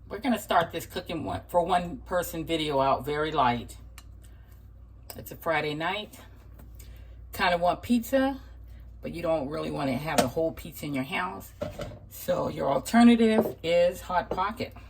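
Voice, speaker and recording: Low-voiced woman on a noisy cooking vlog. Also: a little fast. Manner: informal, thinking aloud. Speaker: home cooking vlogger. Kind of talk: casual cooking vlog narration. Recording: noisy home recording with clicks.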